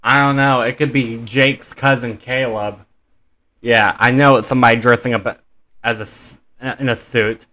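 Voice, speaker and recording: Bright-voiced young man rambling. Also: mid-range voice, steady tone, moderate pace, a little hiss or hum. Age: 20s. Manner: rambling with many fillers. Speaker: reaction video host. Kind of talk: casual chat.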